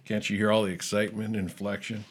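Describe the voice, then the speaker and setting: A man filling in as host of a casual comedic chat show, talking in a dry, deadpan monotone. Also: fairly low pitch, fast talker, slightly rough. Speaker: fill-in host.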